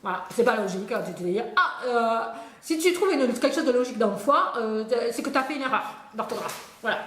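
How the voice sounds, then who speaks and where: A woman's voice: fairly high pitch, lively intonation, brisk, a bit bright. Scatterbrained woman tutor in an echoey room. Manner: scatterbrained, rambling, talks to an unseen student, trails off and laughs. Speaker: comic spelling tutor. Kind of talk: comedic monologue to an imagined pupil. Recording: echoey room with faint noise.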